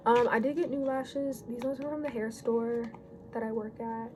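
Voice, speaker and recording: A teenage girl in a casual get-ready-with-me chat, rambling and correcting herself as she goes, her voice a little hoarse, recorded on a phone. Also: a little high, fairly even intonation, normal speed, a little mellow, slight background noise, poor audio. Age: late teens. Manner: rambling, chatty, self-correcting. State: slightly hoarse. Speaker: beauty vlogger. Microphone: phone camera.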